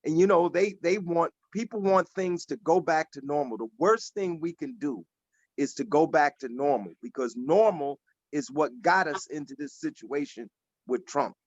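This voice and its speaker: Earnest older guy in his 60s, kinda high voice, dry muffled call audio. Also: normal speed, no room sound. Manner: earnest, emphatic, repeats himself. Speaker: panelist at an activist forum. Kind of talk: casual discussion on a video call. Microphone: video call. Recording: dull lo-fi video call audio.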